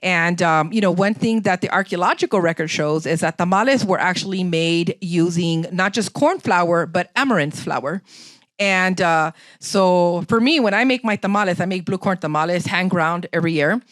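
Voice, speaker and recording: Woman, Los Angeles accent, lecture guest answering questions, unhurried, lots of fillers, dry close sound. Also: on the low side, dry recording. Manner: thoughtful, unhurried, many fillers. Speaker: guest speaker, chef and anthropologist. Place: lecture hall.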